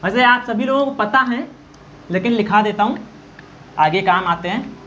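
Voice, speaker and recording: A man whose voice is high-pitched, pushed and bright delivers an exam-prep grammar lecture at a moderate pace. He asks and answers his own questions, draws out vowels to demonstrate, and dictates notes, captured in dull lo-fi audio with faint noise.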